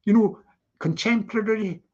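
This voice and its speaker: A Scottish man living in London hosts a casual live stream in a high-pitched, dark-toned voice at a moderate pace. He chats with viewers, greeting each one in a repetitive sing-song, and his talk rambles loosely with easy laughter. The stream audio is slightly dull and lo-fi.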